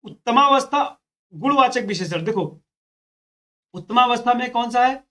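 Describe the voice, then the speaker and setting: A man's voice: very high voice, expressive, a little slow, pushed and bright. A male teacher working through practice test questions step by step, repeating phrases and talking straight to his students. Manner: addresses students directly with "dekho" and "thik hai". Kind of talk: exam practice lesson.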